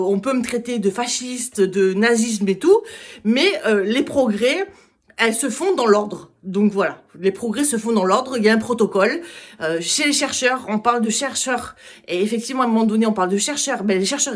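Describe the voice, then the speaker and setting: Hesitant woman delivering a blunt rant. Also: a little high. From Italian heritage. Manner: halting, many hesitations and restarts. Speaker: political candidate. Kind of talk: impassioned campaign speech.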